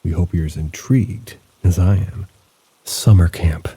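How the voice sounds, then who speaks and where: A man hosts a channel of paranormal stories and reads listeners' accounts aloud. His delivery is measured and low-key, like a storyteller, with a warm, husky tone.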